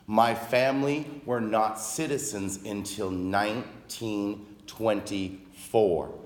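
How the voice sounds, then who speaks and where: A man giving an impassioned public speech at a gathering, slow and deliberate, with long solemn pauses. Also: on the low side, fairly even intonation, reverberant. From raised on a reservation in the United States.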